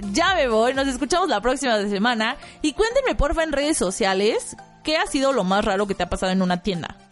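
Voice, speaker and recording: A woman hosting a podcast, telling a work anecdote and acting out voices with high squeals. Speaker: podcast host. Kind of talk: storytelling anecdote.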